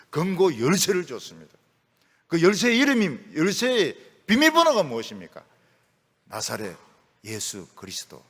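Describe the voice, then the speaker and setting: A man preaching a sermon as a pastor, animated, folksy and humorous. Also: a little high, big-room sound.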